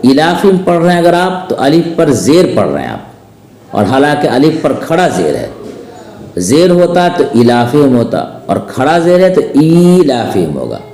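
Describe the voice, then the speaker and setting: A man's voice: a little high, wildly swooping pitch, a little mellow. Man teaching chanted recitation, echoey. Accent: Indian Urdu-Hindi. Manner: alternates slow melodic chanting with quick explanatory speech. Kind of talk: recitation lesson with spoken corrections.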